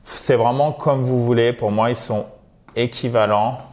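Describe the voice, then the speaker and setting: A man giving a video English lesson, explaining suffixes and stressed syllables and repeating example words slowly and carefully. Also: mid-range voice, fairly even intonation. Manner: addresses viewers warmly as "chers amis". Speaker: English teacher.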